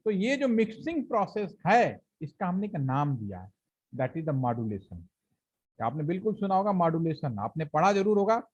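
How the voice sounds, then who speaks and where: A man with a fairly high voice and on his lectures a training class, explaining each point step by step. He poses questions to the room and answers them himself. The recording sounds dull and lo-fi. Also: sing-song, moderate pace, darkish tone, husky.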